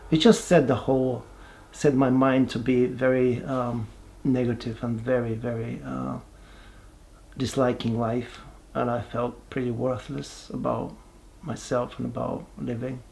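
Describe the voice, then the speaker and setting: A man, giving a halting, reflective personal testimony with many pauses and restarts. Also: mid-range voice, level tone, creaky, a little mellow, slight background noise. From Bulgaria. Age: 40s. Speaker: person sharing his life story.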